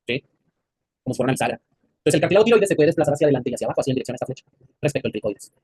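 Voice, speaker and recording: A man's voice: fairly high pitch, animated, racing, darkish tone, slightly rough. A man with a Mexican accent teaching an anatomy class, quizzing his students and joking in crude slang. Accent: Mexican Spanish. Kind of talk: classroom lecture.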